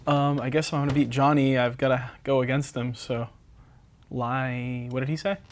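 A man co-hosting a comedy podcast, joking around in a teasing, animated way. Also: medium pitch, normal speed. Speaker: podcast co-host. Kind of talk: casual comedy banter. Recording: noisy podcast recording.

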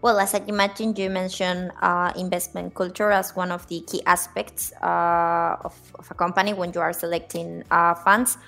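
A woman hosting a finance podcast, introducing her guest and asking questions in a formal, slightly halting way, often repeating words. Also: on the low side, little pitch movement, creaky, a bit bright, faint music behind. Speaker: podcast host.

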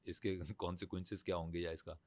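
A man's voice: low voice, little pitch movement, dry recording. A man, a voice-over artist telling stories in a formal, emphatic way in a casual studio talk.

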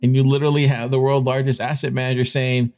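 A man's voice: mid-range voice, level tone, fast talker, darkish tone. A man hosting a show with informal, partly ad-libbed news commentary, repeating phrases for emphasis. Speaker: host of a crypto news show.

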